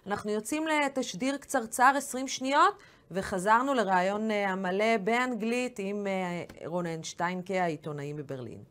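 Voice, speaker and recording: A woman, hosting a TV interview, brisk and hesitating often between phrases. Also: mid-range voice, a bit bright.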